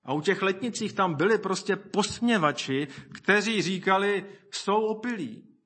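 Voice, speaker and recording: Delivering a sermon, this high-sitting male voice muses aloud, reads from scripture, and brings quoted figures to life with lively impressions.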